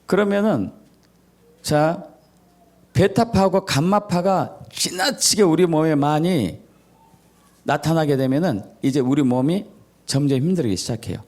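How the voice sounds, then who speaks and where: Man, pastor, sermon, rhetorical questions, repetitive listing, animated pitch. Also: a little slow, pauses often. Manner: questions the congregation and answers them himself; acts out scolding and gentle parent voices.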